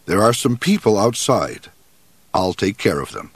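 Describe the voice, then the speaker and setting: A man voicing a big, calm, formal moose in a storybook, speaking slowly and gravely. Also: fairly low pitch, no room sound, exaggerated voice. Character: big, calm, lordly male blue moose.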